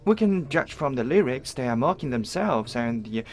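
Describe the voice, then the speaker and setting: Interpreting live coverage of an event, a man with a Chinese accent speaks in halting, piecemeal phrases and keeps making false starts. His pitch is medium and his delivery sing-song.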